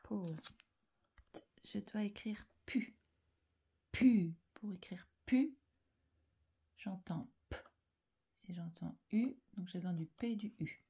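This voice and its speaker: Woman, teacher, slow spelling dictation, dark husky voice, repeats syllables, frequent whispers. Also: mid-range voice. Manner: calm, slow and deliberate, repeating syllables and often whispering sounds.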